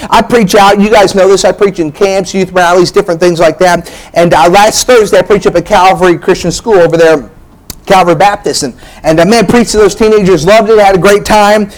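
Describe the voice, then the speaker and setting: A man preaching a sermon as pastor, energetic and playful, teasing the congregation and checking in with "all right?". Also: high-pitched, rough recording. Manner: energetic, joking preacher who keeps asking "all right?".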